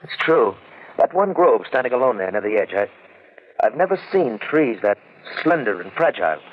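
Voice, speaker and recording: Casting: obsessed rich recluse in a radio thriller, mid-pitched, abrupt and brooding, thin narrowband sound. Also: male voice, big pitch swings, normal speed. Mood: musing. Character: wealthy, obsessed, secretive recluse, brooding and touchy. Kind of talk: 1940s-50s radio drama acting. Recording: band-limited old-time radio recording.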